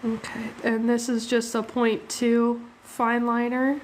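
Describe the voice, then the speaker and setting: A young woman hosts a live art stream, chatting casually about her drawing, thanking viewers and laughing easily while sounding a little sniffly from a cold. Her voice is a little high with a flat delivery and slow pace, in a rough recording with slight background noise.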